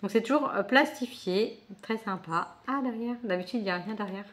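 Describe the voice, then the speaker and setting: A woman's voice: medium pitch, normal speed. A woman vlogging casually as she unboxes a book subscription box, chatty and thinking aloud with frequent asides.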